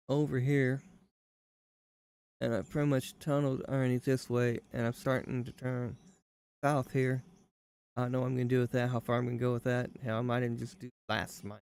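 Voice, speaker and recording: Gravelly rambling man streaming. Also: medium pitch, darkish tone. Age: 30s. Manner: rambling, folksy, drifting mid-sentence. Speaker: live-stream gaming host. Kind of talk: rambling live-stream commentary.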